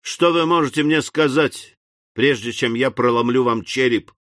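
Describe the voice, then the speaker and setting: Play a blunt young servant losing patience: loud, gruff, scornful, pitched above your own voice and with a lively swing, close and dry to the mic. A man doing the voice. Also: measured pace, dry recording. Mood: gruff, threatening. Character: rough quick-tempered young manservant, blunt and threatening.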